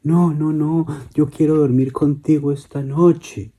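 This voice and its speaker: A man voicing frightened little girls in a bedtime story, high and pleading. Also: big pitch swings, normal speed, mellow. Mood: scared pleading. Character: frightened little girls crying for their parents.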